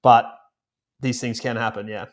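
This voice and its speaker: A man's voice: medium pitch, flat delivery, normal speed. A man co-hosting and producing a podcast, chatting casually and telling rambling stories with many fillers. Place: remote, recording away from home.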